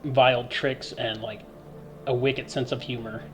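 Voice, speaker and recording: A man's voice: medium pitch, little pitch movement. Guy running a tabletop game, narrates in stops and starts, music going behind. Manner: loose, halting narration with fillers. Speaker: game master.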